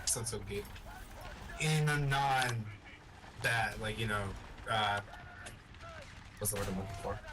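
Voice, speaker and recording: A young man chatting casually with his gaming friend, teasing him in slangy, halting speech. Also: fairly low pitch, steady tone, background noise. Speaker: friend of the host.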